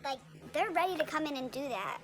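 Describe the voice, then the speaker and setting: A woman's voice: sits high, animated, fairly quick, a little hiss or hum. A young woman giving a casual tarot reading with a retainer in her mouth, chatty and full of fillers and "okay?" tag questions. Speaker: tarot reader.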